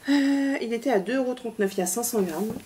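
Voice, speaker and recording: A woman's voice: a little high, fast talker, background noise. A woman presenting a shopping haul in a casual, hesitant way, with many fillers and restarts.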